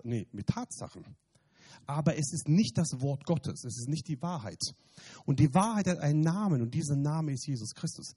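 A man preaching a sermon and giving his testimony, repeating phrases and swinging from loud emphatic bursts to quiet remarks in a church. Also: a little high, husky. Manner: repeats phrases, restarts words.

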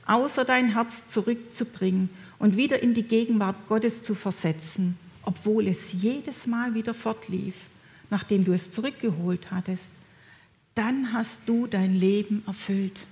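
A middle-aged woman preaching a sermon in a gentle, encouraging way, speaking directly to her listeners. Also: medium pitch, unhurried.

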